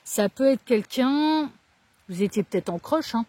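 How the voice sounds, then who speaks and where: A woman's voice: a little high, expressive, unhurried, mellow, no room sound. A woman reading tarot cards in French, who talks casually and rambles into asides with many fillers. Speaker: tarot card reader. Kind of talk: casual card-reading monologue.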